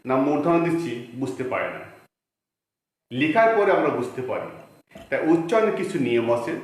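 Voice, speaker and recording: A man with a Bangladeshi Bengali accent teaching a grammar lesson, explaining slowly, repeating words and asking rhetorical questions. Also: fairly high pitch. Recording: very echoey room.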